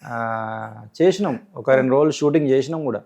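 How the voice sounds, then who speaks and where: A man's voice: medium pitch, normal speed, vocal fry, a little mellow. A man, an interview guest boastfully recounting his auditions. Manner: boastful, insistent storytelling. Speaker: interview guest, aspiring actor. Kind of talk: casual interview.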